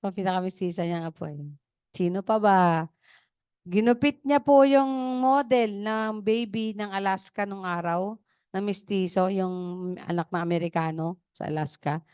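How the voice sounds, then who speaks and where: A woman's voice: mid-range voice, normal speed, a little mellow, clear, resonant tone, no echo, studio quality. A woman preaching a sermon over a video call, talking casually, telling stories and checking in with tag questions. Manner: conversational, storytelling with tag questions. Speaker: pastor.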